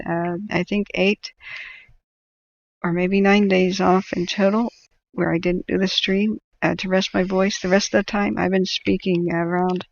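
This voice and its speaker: Hosting a livestream that tracks wildfires, an exhausted woman rambles casually to her viewers, halting often on ums and uhs. Her medium-pitched voice is gravelly and creaky, her throat ragged and worn. The audio has the dull, lo-fi quality of a home stream.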